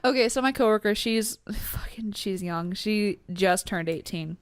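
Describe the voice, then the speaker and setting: A woman's voice: medium pitch, unhurried, no room sound. A woman in her twenties chatting casually over a game recording, telling stories and laughing often. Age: 20s. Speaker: let's play co-host. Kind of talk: casual chat over gameplay.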